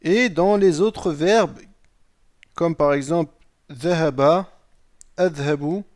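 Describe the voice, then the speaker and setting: A man with a fairly high, darkish voice teaches Arabic grammar in a recorded lesson at an unhurried pace, reading example sentences aloud and translating them. Patiently going step by step, he often asks "d'accord?" to check that his students follow.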